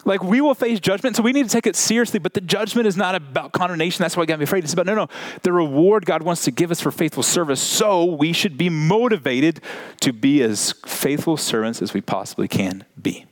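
A man preaching a sermon to a church congregation in a lively, conversational way, often saying "like". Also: fairly high pitch, quick pace. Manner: animated, conversational, frequent "like" fillers. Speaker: pastor.

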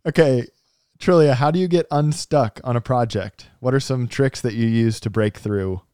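A man's voice: medium pitch, moderate pace, mellow, clear, resonant tone, dry recording, clean studio sound. A man co-hosting a podcast interview, friendly and chiming in briefly. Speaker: podcast co-host. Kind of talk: casual interview chat.

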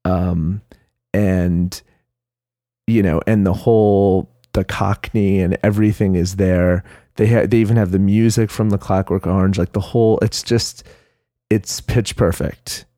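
Casting: nasal man, mellow tone, relaxed rambling chat. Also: deep voice, measured pace, dry recording, clean studio sound. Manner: rambling, chatty, many fillers. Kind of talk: casual chat.

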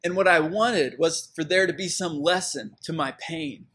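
Man, pastor, sermon, husky, slightly high voice. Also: normal speed, a bit bright. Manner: conversational, reflective, with fillers and restarts.

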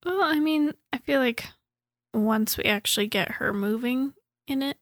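Woman cohost, short quick comments, slightly high voice, dry sound. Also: dry recording. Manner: short interjections, finishes his sentences. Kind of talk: casual chat.

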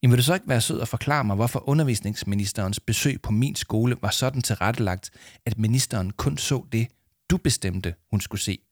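A man's voice: mid-range voice, no room sound, studio quality, natural voice. A man voicing a nervous, stammering schoolboy in a children's audiobook. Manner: stammering, hesitant.

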